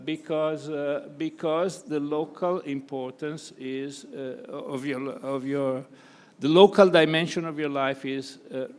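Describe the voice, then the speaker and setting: A man's voice: medium pitch, clean tone. Man, Piedmontese accent, law professor, hesitant, reverberant conference hall. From Italy. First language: Italian. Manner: hesitant, many fillers. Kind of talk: panel discussion answer.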